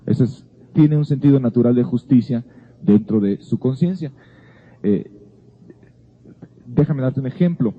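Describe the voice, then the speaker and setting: A man's voice: medium pitch, unhurried, pauses often, dark tone, husky. A man giving an earnest Bible teaching, telling a personal story in a conversational way. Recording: phone-like narrow sound.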